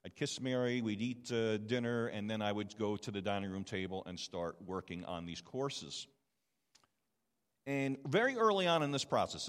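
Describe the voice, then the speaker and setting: A man in his fifties giving a personal testimony sermon in a chatty, self-deprecating way, often checking in with the audience. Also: fairly low pitch. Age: 50s. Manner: conversational and self-deprecating, asks the audience "okay?". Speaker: preacher and missionary. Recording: long hall reverb.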